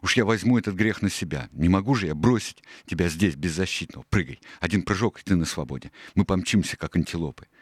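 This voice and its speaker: A man voicing a stern but kindly middle-aged doctor who speaks gravely and earnestly, in an audiobook. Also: sits low, fast talker, few pauses, no echo, studio quality. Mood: urgent. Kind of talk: audiobook character voice.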